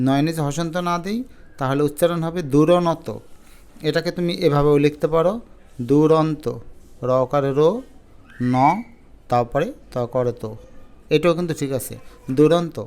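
A man teaching an exam-prep lesson, pronouncing each word slowly syllable by syllable to model it. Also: on the high side, darkish tone, smooth. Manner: drawn-out slow syllables when modelling words.

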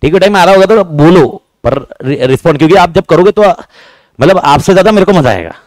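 Chatty guy lecturing a class, talks fast n repeats stuff, bouncy voice, dry close sound. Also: high-pitched, animated, no echo. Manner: fast-talking, repetitive, banters with students. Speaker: teacher.

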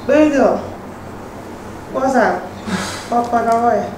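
A woman's voice: on the high side, unhurried, close to an everyday voice. An actress playing a chatty woman with a Ghanaian accent, mixing Twi and English. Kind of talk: comedy drama acting. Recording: distant echoey room with noise.

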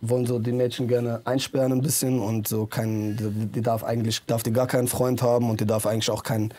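A man in his thirties talks earnestly in a music studio interview, rambling through fillers and restarts. His voice is mellow and dark, and he speaks into a handheld mic held out to him. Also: mid-range voice, level tone, quick pace. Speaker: rapper, interview guest. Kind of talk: casual interview talk.

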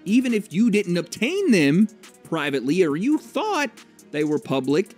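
A man's voice: a little high, darkish tone. A man reading out a news story and giving his own take on it in a casual commentary. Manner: reads report text then adds own opinion.

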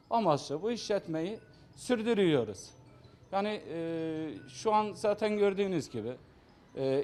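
A man, a business owner explaining his work in an interview in short phrases with halting pauses. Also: on the high side, a little mellow. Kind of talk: interview to camera.

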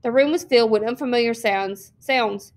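A woman teacher reading a novel aloud, with steady, expressive narration and small slips. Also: fairly high pitch, normal speed. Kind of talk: read-aloud storytelling.

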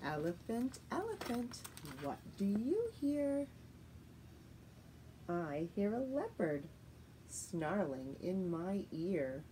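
A middle-aged woman, a teacher reading a picture book aloud to young children in a deliberate, sing-song, expressive way, recorded at home. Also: medium pitch. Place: living room at home, indoors. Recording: faint steady noise, home room recording.

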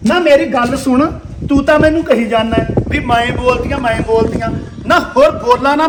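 Guy doing a bossy punjabi sas, squeaky high voice, sharp tongue, nags nonstop. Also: background noise. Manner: scolding, sharp-tongued, cursing. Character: bossy nagging old mother-in-law, a woman. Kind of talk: rural comedy skit acting.

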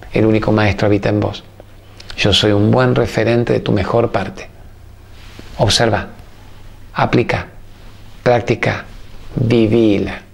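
A man's voice: mid-range voice, gravelly, darkish tone. A man with an Argentine accent hosting a show, giving an emphatic, preachy spiritual talk to viewers in strings of repeated phrases. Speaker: host.

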